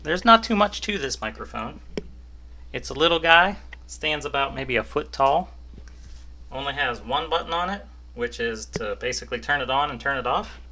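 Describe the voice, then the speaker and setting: An easygoing man talks through a gadget review in a chatty, joking way. His voice is bright and sits at a middle pitch. He records at home straight into a cheap USB desk microphone. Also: expressive, normal speed, a little hiss or hum. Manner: chatty, easygoing, jokey asides. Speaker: YouTuber reviewing gear. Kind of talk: casual product review vlog.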